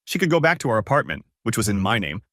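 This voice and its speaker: A man with a lowish, slightly bright voice tells a first-person story as scripted narration, casual and conversational, with a sing-song lilt and quick pace. The recording is close and dry, with no room sound.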